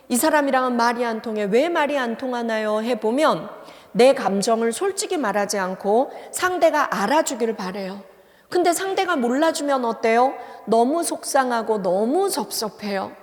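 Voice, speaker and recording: Female professor as seminar speaker, lively and a bit high-pitched, asks the crowd questions, long hall reverb. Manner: animated, acts out quoted lines, asks the audience questions. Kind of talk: church seminar lecture. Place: church hall.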